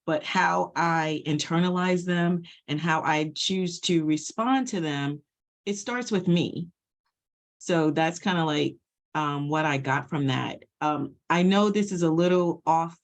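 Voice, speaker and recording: Hesitant meeting host summing up. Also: medium pitch. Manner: hesitant, filler-heavy paraphrasing. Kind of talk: moderating a virtual meeting.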